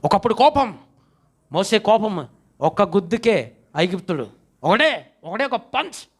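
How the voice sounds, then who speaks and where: A man's voice: high-pitched, big pitch swings, measured pace. A man preaching a sermon in a dramatic manner, asking rhetorical questions and acting out the voices of Bible figures. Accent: Telugu. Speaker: pastor. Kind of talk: Telugu sermon.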